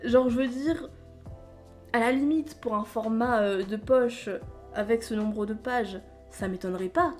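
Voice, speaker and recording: A woman's voice: fairly high pitch, unhurried, darkish tone, soft background music. A woman chatting casually as a book vlogger, rambling, stumbling over words and laughing at herself. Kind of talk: casual chat.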